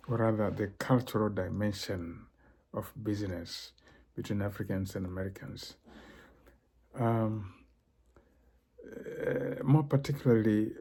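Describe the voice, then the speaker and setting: Slow, husky older man. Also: fairly low pitch, warm tone. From Tanzania. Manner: slow, halting, many fillers and throat-clearing. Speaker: professor and cultural consultant. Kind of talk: solo talk to camera.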